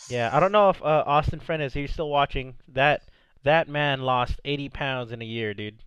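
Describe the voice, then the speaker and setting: A man's voice: mid-range voice, normal speed, fairly bright tone, clear, resonant tone, no echo, lo-fi sound. A young man hosting a casual podcast, upbeat, chatting with friends and reading chat messages aloud. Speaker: podcast host.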